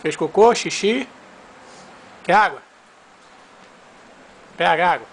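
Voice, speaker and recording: A man's voice: high-pitched, expressive, slow pace, a bit bright, husky. Playful Brazilian man coaxing a baby. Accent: Brazilian Portuguese. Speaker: parent filming a baby. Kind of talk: home video, talking to a baby.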